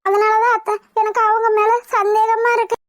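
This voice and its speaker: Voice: very high voice, little pitch movement, moderate pace, dry recording, clean studio sound. A voice actor playing a worried young pregnant wife in a cartoon, pleading and anxious. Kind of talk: cartoon voice acting.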